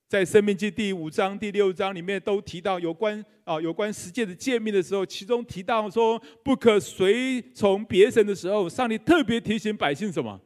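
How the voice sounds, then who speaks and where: Male pastor, middle-aged, Taiwanese Mandarin accent, high voice, jokey conversational sermon style that keeps quizzing the pews. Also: darkish tone. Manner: humorous, conversational, quizzes the congregation. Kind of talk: live sermon. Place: church sanctuary.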